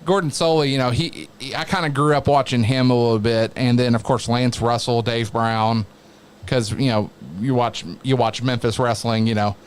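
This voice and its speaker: Halting, reflective man in a casual interview. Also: medium pitch, fairly even intonation, clean tone. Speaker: wrestling play-by-play announcer, interview guest.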